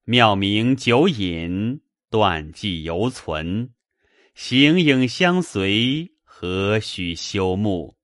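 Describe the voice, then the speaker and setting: A man voicing an elderly Taoist hermit, speaking in slow, measured riddles. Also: on the low side, lively intonation, a bit bright, dry recording, clean studio sound, heavily acted. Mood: serene. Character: elderly male Taoist hermit, serene and cryptic.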